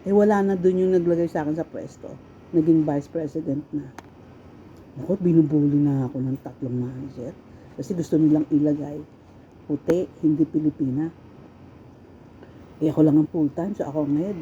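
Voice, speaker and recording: A middle-aged woman from the Philippines telling stories from her life in a casual, animated way, often laughing and acting out quoted lines. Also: sits low, moderate pace, pauses often. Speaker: storyteller sharing her life. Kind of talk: casual personal storytelling. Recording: dull, lo-fi with faint background noise.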